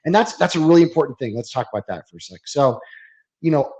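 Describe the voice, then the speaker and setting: A man's voice: fairly high pitch, animated, quick pace, darkish tone. A man speaking as a guest in a casual webinar conversation over a video call, chatty and full of fillers and repeated words. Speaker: creative strategy manager, guest. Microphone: video call microphone.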